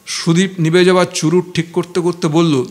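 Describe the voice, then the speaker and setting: A man narrating a novel as an audiobook reader, in steady, measured storytelling. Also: on the high side. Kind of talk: novel reading.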